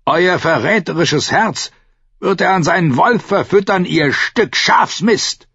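A bleeding young captive, furious, high and raw. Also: male voice, animated, measured pace, husky, no echo, heavily acted. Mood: furious defiant. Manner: shouting insults, raw and spitting. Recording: dull lo-fi audiobook recording.

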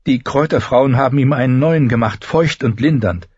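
Male reader doing a desperate young queen in an audiobook, pitched up, husky, urgent. Slightly dull recording. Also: normal speed, a little mellow, dry recording, close to an everyday voice. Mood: pleading, desperate. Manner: urgent, pleading.

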